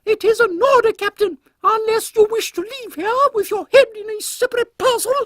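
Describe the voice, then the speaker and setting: A man's voice: very high voice, fairly quick, no echo, studio quality, pitched above the performer's own voice. A man voicing an imperious elderly English queen in an audio comedy, pompous, commanding and given to exclamations. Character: imperious elderly Queen Victoria, haughty, thrill-seeking royal lady.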